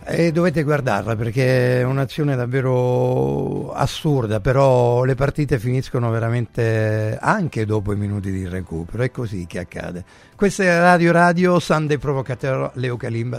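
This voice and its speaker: A man's voice: medium pitch, moderate pace, gravelly, a little mellow, faint music behind. A man hosting live radio with casual, rambling chat, often repeating his words and phrases. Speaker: radio host. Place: radio studio.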